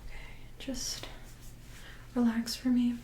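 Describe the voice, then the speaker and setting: Gentle, calm woman in soft ASMR role-play. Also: fairly high pitch, slow, slight background noise. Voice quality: soft, breathy, often soft-spoken. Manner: gentle, calm, reassuring nurse-like bedside manner. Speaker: ASMR performer playing a medical examiner.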